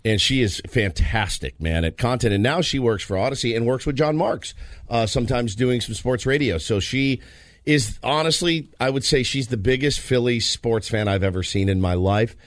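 An American man talks sports casually as a radio co-host. His voice sits at a medium pitch, recorded close and dry in a studio. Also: normal speed, dry recording.

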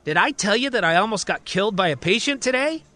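A woman's voice: medium pitch, expressive, fast talker, fairly bright tone, voice pushed up, natural voice. A man voicing Marion, a wry, sarcastic single woman doctor, in a one-man audio story.

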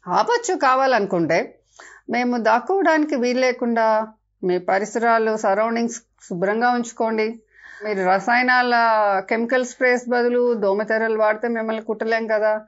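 A woman's voice: fairly high pitch, highs cut off, lightly acted. A woman voicing a swarm of cheeky mosquitoes that scold and lecture in a storybook tale.

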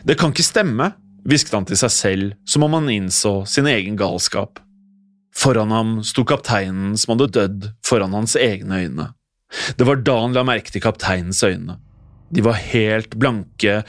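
A man reading a scripted horror story in a measured, dramatic storytelling manner, with faint music behind him. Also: lowish voice, no echo. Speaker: narrator.

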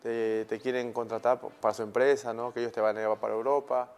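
A man in his thirties with a Peruvian Spanish accent, a guest telling stories in a relaxed, slangy way, often tagging his sentences with questions. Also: mid-range voice, fast, over music. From Peru. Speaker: guest, former footballer. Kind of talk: casual interview storytelling.

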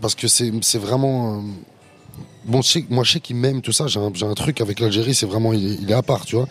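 A man's voice: fairly low pitch, steady tone, brisk, fairly bright tone, breathy edge. A man, a rapper, chatting loosely in an interview, with street slang and frequent restarts. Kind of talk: casual interview chat.

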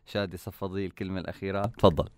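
A podcast host, a man with a Syrian Arabic accent, chats in a casual interview style. He speaks very rapidly in a slightly low voice, with a close, dry sound. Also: little pitch movement, darkish tone, no echo.

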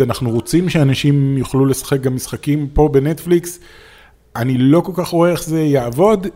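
A man's voice: a little high, a little mellow. A man with an Israeli accent co-hosting a casual discussion and explaining his opinions in a skeptical way. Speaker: podcast co-host.

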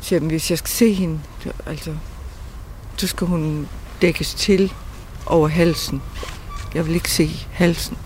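A man recounting a painful memory in a halting way, often repeating words and restarting sentences. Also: on the high side, fairly even intonation, a little mellow, slight background noise. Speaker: interviewee. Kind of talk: personal testimony.

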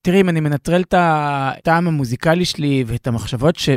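Male talk co-host, Israeli accent, high-pitched voice, loose conversational banter, close dry sound. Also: clear, resonant tone, dry recording. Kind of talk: casual bantering chat.

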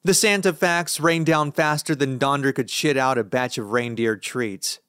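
A man's voice: mid-range voice, normal speed, fairly bright tone, clear, resonant tone, no echo, studio quality. A man reading a first-person novel aloud in a wry, sardonic tone. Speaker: audiobook narrator. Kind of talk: first-person scripted narration.

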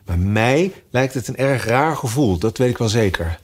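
A man's voice: mid-range voice, lively intonation, normal speed, natural voice. A shy, very polite young girl from a storybook, voiced by a male reader. She sounds unsure and a little confused, her speech lifting and falling as she answers carefully. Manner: timid and very polite.

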